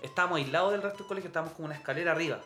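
A man's voice: a little high, racing, a bit bright, echoey room, soft background music. A man with a Chilean accent, a comedian guest telling stories in casual, slangy, profane chat and acting out the people he quotes.

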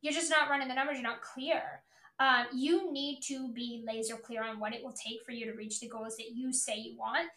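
Female sales coach, high register, hard-hitting motivational delivery with swearing and insistent repetition, recorded in a reverberant room. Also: steady tone, moderate pace, bright, forceful tone. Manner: blunt, emphatic, repetitive, swearing. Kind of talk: motivational coaching talk to an online audience.

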